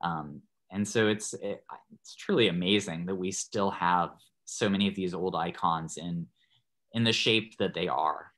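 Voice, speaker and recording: A man's voice: sits low, a little slow, fairly bright tone. A man, a priest, giving a thoughtful parish class over a video call, loosely phrased with many restarts. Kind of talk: online parish talk.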